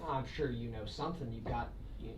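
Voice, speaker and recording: A man's voice: medium pitch, brisk, echoey room, noisy background. A man playing a tabletop game, planning practical moves and thinking aloud with his group. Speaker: player.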